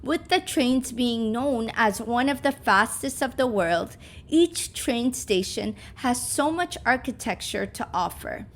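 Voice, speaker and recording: A woman's voice: fairly high pitch, animated, slow pace, slight background noise. A woman in her thirties from Uzbekistan, reading both the questions and the prepared answers of a practice speaking exam, with small slips and restarts. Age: 30s. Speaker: English teacher. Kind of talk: reading both sides of a mock speaking test.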